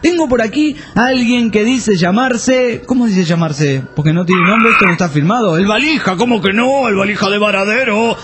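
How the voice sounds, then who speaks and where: High-voiced playful male radio host. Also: normal speed, hardly any pauses, heavy background noise. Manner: playful, joking, laughs often. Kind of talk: casual chat reading listener messages.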